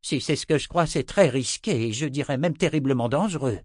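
A man voicing a direct, determined female sorceress in a dry audiobook reading, his pitch raised a little. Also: fairly quick, a little mellow, no room sound, close to an everyday voice. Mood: firm.

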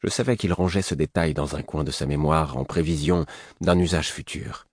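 Man narrating an audiobook, very low voice, calm, dry close recording. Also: moderate pace, breathy edge, no echo. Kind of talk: scripted first-person narration.

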